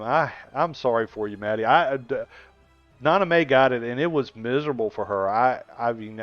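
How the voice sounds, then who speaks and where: On a gaming live stream, a man in his sixties rambles and laughs frequently while answering viewers in a casual chat. He speaks at a medium pitch. The lo-fi stream audio is dull, with no room sound.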